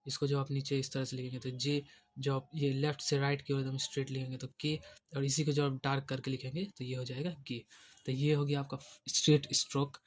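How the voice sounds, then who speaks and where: A man's voice: medium pitch, flat delivery, brisk. A man teaching a spoken shorthand lesson step by step, patient and repetitive, often checking in with the listener.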